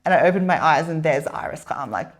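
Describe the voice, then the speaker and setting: A chatty woman talking as a podcast guest. Her voice sits a little lower than most. She swears offhandedly and circles back to restart her thoughts. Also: animated, racing, very noisy. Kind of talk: casual chat.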